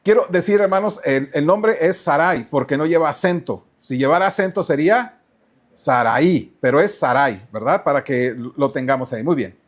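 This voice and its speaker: Mexican pastor, male, high voice, questioning sermon delivery with shifting pace. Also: lively intonation, fairly quick. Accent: Mexican Spanish. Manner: asks the congregation questions, repeats words, changes pace often. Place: church.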